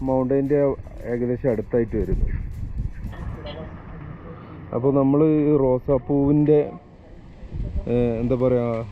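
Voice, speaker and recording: A man with a Kerala Malayali accent doing casual travel vlog commentary, mixing in Arabic phrases like a Gulf returnee. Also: medium pitch. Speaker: travel vlogger. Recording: muffled lo-fi, noisy vehicle ambience.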